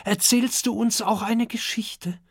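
A man voicing an excited little boy dragon in a children's audiobook. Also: high-pitched, takes it slowly, husky, no echo, clean studio sound, voice pushed up, heavily acted. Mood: eager.

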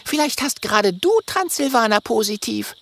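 A skeptical young companion questions things matter-of-factly in a children's audiobook, as a man puts the voice on. The voice is pushed well above a man's register and moves lively up and down. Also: high voice, moderate pace, creaky, a little hiss or hum, pitched above the performer's own voice, full character voice.

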